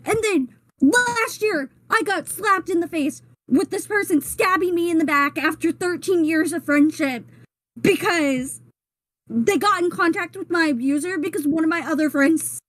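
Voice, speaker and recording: A woman's voice: extremely high pitch, fairly bright tone, dry recording, poor audio. A woman in her twenties on a voice call from her bedroom, speaking in an emphatic, accusatory way. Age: 20s. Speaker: caller in a voice call. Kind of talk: heated voice call confrontation.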